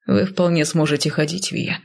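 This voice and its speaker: A woman voicing a male healer who speaks dryly and without emotion, in a low mumble. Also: normal speed, vocal fry, husky, exaggerated voice. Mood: dry clinical. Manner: dry, flat and unemotional, mumbling. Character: dry, matter-of-fact male healer.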